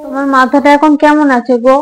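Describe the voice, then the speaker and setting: A woman acting a nervous young wife in a comic home drama who keeps soothing her hot-tempered husband. Her voice sits high, coaxing and apologetic. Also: flat delivery, quick pace, music in the background, natural voice, low-quality recording. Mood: placating. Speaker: short-drama actress.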